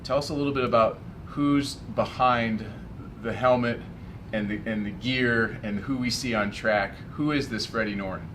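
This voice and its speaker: A man's voice: mid-range voice, normal speed, background noise. A man interviewing a guest, encouraging him to tell his story in a casual, leading way. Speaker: chaplin interviewer.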